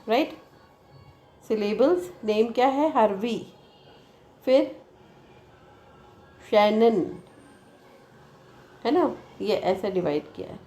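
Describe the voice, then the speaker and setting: Woman, teacher, slow and deliberate, checks in with listeners. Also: mid-range voice, warm tone, slight background noise, low-quality recording. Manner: reads from text, checks with "right?" and "okay?". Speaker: English teacher. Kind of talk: bilingual lesson explaining slowly.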